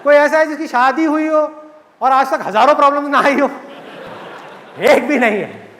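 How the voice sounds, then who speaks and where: A man giving a live motivational speech to an audience in a large hall, animated and asking rhetorical questions. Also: extremely high pitch, moderate pace, slight background noise. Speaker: motivational speaker. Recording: echoey hall with faint crowd.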